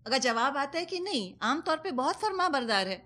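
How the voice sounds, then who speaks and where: Speaking in a high, very animated voice with a bright, forceful tone, a woman with a Pakistani Urdu accent teaches a Quran commentary lesson. She is patient in her explanations, leans on everyday examples, and drops English words into her talk.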